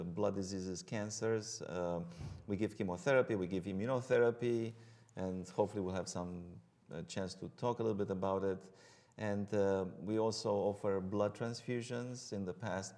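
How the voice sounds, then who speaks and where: A middle-aged Romanian man with a Romanian accent, a guest physician, explains his work hesitantly with many ums and uhs. His voice sits low and has a darkish tone.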